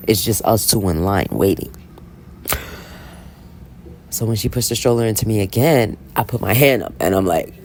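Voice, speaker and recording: Her voice is bass as this Bible reading vlogger tells a story in a chatty, animated manner. She's blunt and unapologetic, forever checking in with "right?", and a bit of background noise can be heard.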